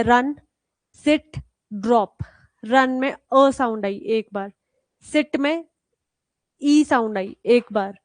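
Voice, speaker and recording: A woman's voice: a little high, darkish tone, no room sound. Hindi-speaking woman teaching English grammar. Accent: Indian English. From India. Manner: addresses students as "beta", quizzes them; switches between Hindi and English terms, spells out rules. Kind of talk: live classroom lesson.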